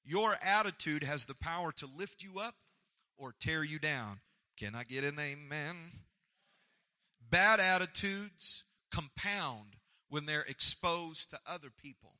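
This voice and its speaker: A man preaching a motivational sermon with emphatic, repetitive oratory, swinging between loud and soft and calling on listeners to respond. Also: on the high side, expressive, unhurried. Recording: echoey hall with long reverb.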